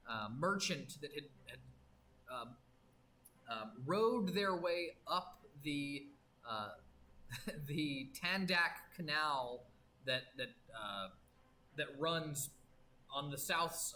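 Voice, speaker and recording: A man narrating as game master of a tabletop game, describing scenes with many pauses and restarts. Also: a little high, sharp tone, slight background noise, poor audio. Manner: halting, full of fillers and restarts, descriptive.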